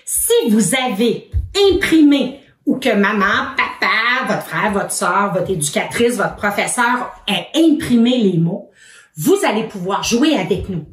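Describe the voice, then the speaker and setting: A woman with a Québécois accent gives a lesson to young children. She is patient and encouraging, with an unhurried pace and a rather high voice that moves a lot. The room sounds roomy and echoing. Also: animated, far from the mic. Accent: Québécois French. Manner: patient, encouraging, asks many questions. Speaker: children's educator.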